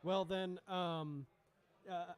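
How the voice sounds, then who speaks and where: A man's voice: sits high, fairly even intonation, drawn-out words, clean tone. A man hosting a casual podcast who jokes, swears casually and reads out listener questions. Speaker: podcast host.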